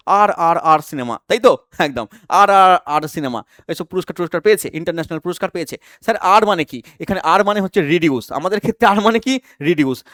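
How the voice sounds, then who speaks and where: A man's voice: sits high, no room sound, studio quality. A man teaching an exam-prep science lesson, asking questions aloud and answering them himself while repeating key terms for his students.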